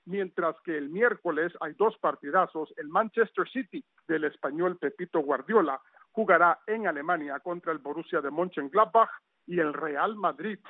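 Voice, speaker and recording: Over a tinny phone line, a man whose voice sits on the high side gives a radio sports news roundup. As a sports reporter, he speaks at a moderate pace in a conversational way and adds chatty asides, in a dry recording.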